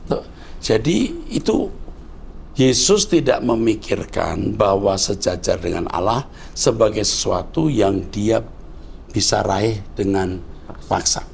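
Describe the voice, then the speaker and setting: A gravelly, low-voiced man in his sixties teaches like a pastor, lecturing in a fatherly tone and often addressing his listener as a child. A faint hiss sits under his speech. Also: expressive, slow pace. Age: 60s. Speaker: pastor answering viewer questions. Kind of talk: conversational teaching.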